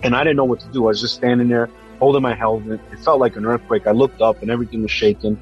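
A man, a police officer, recounting what he lived through in halting testimony, with frequent fillers and restarts. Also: medium pitch, fairly even intonation, lo-fi sound, faint music behind. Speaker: police officer recalling a disaster.

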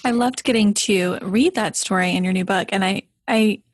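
A woman's voice: medium pitch, moderate pace, dry recording. A woman interviewer speaking in a chatty way, with frequent fillers. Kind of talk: casual interview chat.

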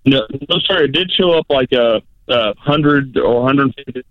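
A man calling in over a tinny, dry phone line. He talks hesitantly and stumbles over his words, with polite sirs and ma'ams. His voice sits at an ordinary middle pitch. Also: expressive, normal speed, dry recording. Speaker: caller. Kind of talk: casual call-in chat.

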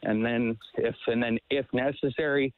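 A man calling in to a sports talk show over the phone, speaking haltingly with many fillers and restarts. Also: mid-range voice, fairly even intonation, dry recording. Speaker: caller. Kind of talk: sports call-in chat. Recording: dry tinny phone line.

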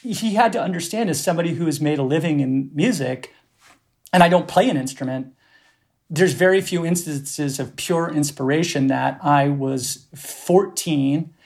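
His voice is a little high, gravelly and a touch mellow, delivered at a normal pace. A middle-aged festival producer from around Boston, he's a guest on a podcast, rambling through profane, self-mocking stories that keep restarting in a relaxed storytelling chat.

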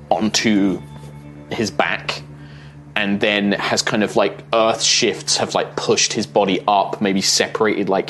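A man working as game master, narrating a tabletop role-playing game with measured, atmospheric description. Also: lowish voice, fairly bright tone.

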